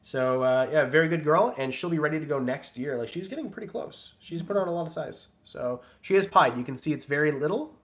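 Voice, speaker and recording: A man's voice: a little high, lively intonation, a little fast, few pauses. A young man hosting a casual reptile livestream, reading out donations and chatting in a loose, jokey, rambling way. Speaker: reptile breeder and channel host.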